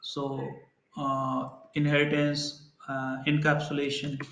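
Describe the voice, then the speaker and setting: A man's voice: mid-range voice, monotone, slow pace, fairly bright tone, echoey room, a little hiss or hum. A man teaching a live programming class, explaining concepts with everyday examples and checking in with students. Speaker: programming instructor. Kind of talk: live online class lecture.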